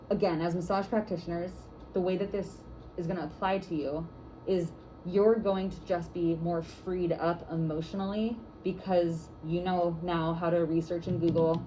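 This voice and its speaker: A woman's voice: fairly low pitch, dark tone, a little hiss or hum, rough recording. A woman instructor teaching a workshop class for massage therapists, guiding and chatty with lots of "like" fillers.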